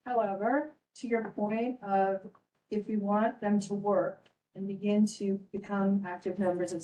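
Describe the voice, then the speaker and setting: A woman's voice: medium pitch, warm tone, distant mic, rough recording. A woman, a local resident, asking questions at a community meeting, hesitant with many fillers. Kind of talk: public comment at a meeting.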